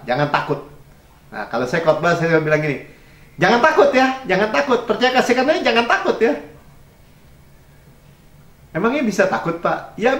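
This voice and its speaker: A man's voice: on the high side, fairly bright tone, reverberant. A man preaching a sermon as pastor, conversational and chuckling, slipping English phrases into his talk. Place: church.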